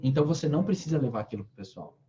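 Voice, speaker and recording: Trainer, male, relaxed, halting delivery with many restarts, lo-fi call audio. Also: mid-range voice, slight background noise. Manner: hesitant, many restarts and fillers. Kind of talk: casual online training talk.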